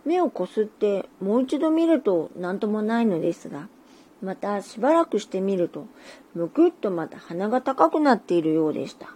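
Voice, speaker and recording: A woman reading a children's fairy tale aloud in a gentle, soothing bedtime manner. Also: medium pitch, big pitch swings, normal speed, breathy edge. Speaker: storyteller.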